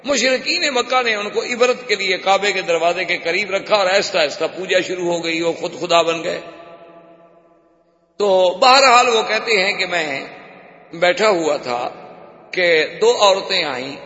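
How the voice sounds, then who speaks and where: High, bright-voiced man preaching in an echoey hall. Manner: dramatic storytelling, voices the characters in quotes. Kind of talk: sermon storytelling. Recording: echoey hall, dull lo-fi sound.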